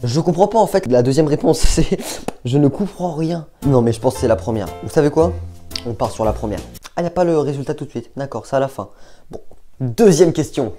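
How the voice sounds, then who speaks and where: Chatty young French man, mellow voice. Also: on the high side, expressive, fairly quick, faint music behind. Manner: chatty, thinks aloud, hesitant. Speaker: youtuber. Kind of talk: casual vlog chat.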